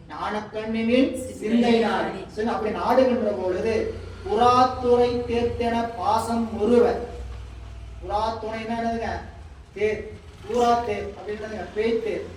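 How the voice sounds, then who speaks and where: A man giving a slow, repetitive devotional commentary on scripture, using everyday examples. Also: high voice, darkish tone, a little hiss or hum. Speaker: spiritual teacher. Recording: echoey room, mic far off.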